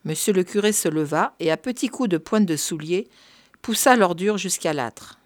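A woman narrating a story in a measured, even reading voice. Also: lowish voice, no room sound, clean studio sound. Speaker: reader.

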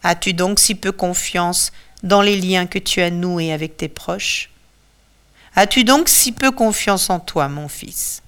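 A woman voicing the ghost of a loving older mother who speaks slowly and tenderly. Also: lowish voice, a bit bright, smooth.

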